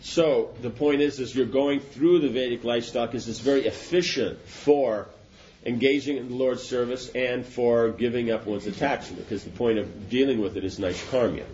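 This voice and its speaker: A spiritual teacher with a medium-pitched, darkish male voice gives an informal philosophical talk. He rambles, repeats himself, restarts, and keeps asking "does that make sense?" The recording is dull and lo-fi with faint noise.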